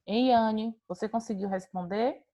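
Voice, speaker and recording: Give me a woman teaching an online class over a video call, a bit high-pitched, patient and explanatory. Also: unhurried, dark tone. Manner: patient and explanatory, repeats points, questions students by name.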